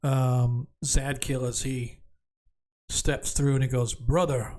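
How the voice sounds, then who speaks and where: A man narrating a tabletop fantasy game as game master, improvising descriptions in a halting way. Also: medium pitch, flat delivery, warm tone.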